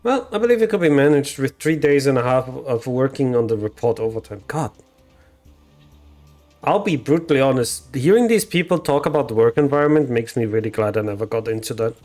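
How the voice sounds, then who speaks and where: A man's voice: mid-range voice, animated, a little fast, darkish tone, soft background music. Brief: a laid-back man streaming a game, mid-range voice, chatty and profane. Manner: casual, swears, reads lines aloud. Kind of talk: live game playthrough with read-aloud translation.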